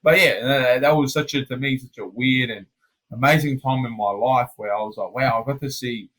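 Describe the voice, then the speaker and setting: An Australian man, a fighter guest on a podcast, telling stories in a loose, animated way and often dropping "man" and "mate". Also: medium pitch, brisk, poor audio. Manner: animated storyteller, peppers speech with "man" and "mate". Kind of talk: casual storytelling chat.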